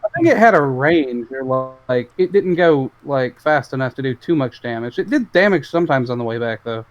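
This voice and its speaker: A man's voice: medium pitch, animated, moderate pace, dry recording, muffled recording. Man in laid-back podcast banter. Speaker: podcast co-host and tabletop player. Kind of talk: casual chat.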